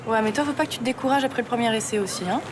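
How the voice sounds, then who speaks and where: An actress playing an upbeat, encouraging young friend. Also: female voice, fairly high pitch, rapid-fire, noisy background, close to an everyday voice. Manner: encouraging, breezy. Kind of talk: TV soap drama.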